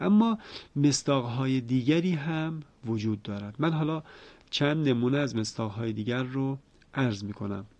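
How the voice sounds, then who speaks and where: A man teaching the rules of Quran recitation in a formal lecture, explaining at a measured pace and slowing down to recite examples. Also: medium pitch, creaky, a little mellow, no room sound. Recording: dull dry lo-fi recording.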